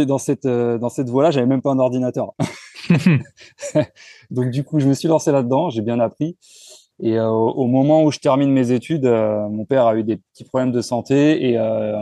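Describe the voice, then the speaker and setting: A man in his forties, speaking as an interview guest in a relaxed, frank way, often pausing and restarting his sentences. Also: mid-range voice, no room sound. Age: 40s. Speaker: entrepreneur guest. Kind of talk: casual conversational interview.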